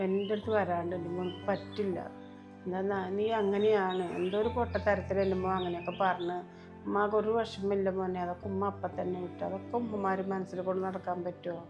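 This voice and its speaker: A woman's voice: mid-range voice, level tone, a little fast, highs cut off, close to an everyday voice. A woman playing a loving, forgiving mother who soothes and coaxes her grown son, over background music. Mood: gentle. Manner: soothing, coaxing, calls her son "my pearl". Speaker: actor in a family web series. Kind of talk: melodramatic web series acting.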